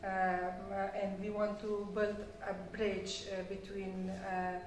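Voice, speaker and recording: A woman speaks as an interview guest in a roomy space, some way from the microphone. Her pitch stays fairly flat and she explains things earnestly, pausing often within phrases. There is faint noise in the recording. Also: far from the mic. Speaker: charity representative, interview guest.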